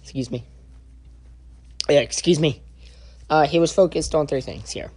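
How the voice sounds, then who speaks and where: A young man giving a casual spoken review, halting and full of filler sounds and restarts. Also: on the high side, darkish tone, slightly rough. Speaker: wrestling show reviewer.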